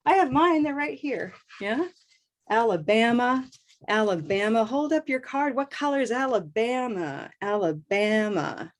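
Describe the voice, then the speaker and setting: A woman's voice: a little high, expressive. Upbeat woman teaching pronunciation. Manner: upbeat, drills words by repeating them slowly. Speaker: host and English pronunciation teacher. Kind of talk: live online pronunciation lesson.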